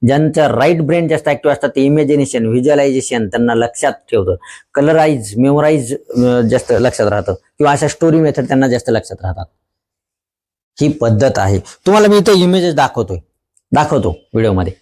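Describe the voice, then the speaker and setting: A man teaching students a memory trick, lively and repeating key words for emphasis. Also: medium pitch, fairly quick. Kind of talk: explaining a memory technique to students.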